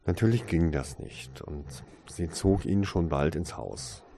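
A man calmly reading a story aloud as an audiobook narrator, in steady storytelling narration. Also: rumbling low, a little slow, slight background noise. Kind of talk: scripted narration.

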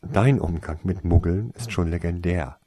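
A man voicing a calm, easygoing young wizard boy with a dry manner. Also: low voice, moderate pace, no echo. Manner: relaxed, dry.

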